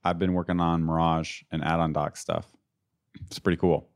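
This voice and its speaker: A man with a remarkably low, deep voice talks in an unhurried, informal way. He is getting over an illness and explains technical things casually, as a podcast co-host would. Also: flat delivery, slight background noise. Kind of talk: casual tech chat.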